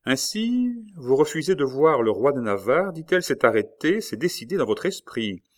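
A man reading aloud, voicing a proud young queen who is tender yet commanding, raising his pitch for her hushed, imperious urgings. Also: big pitch swings, moderate pace, lightly acted. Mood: probing.

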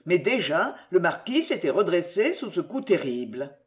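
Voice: medium pitch, sing-song, normal speed. A reader narrating a classic novel with dramatic, varied intonation. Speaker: audiobook narrator. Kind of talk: expressive literary narration.

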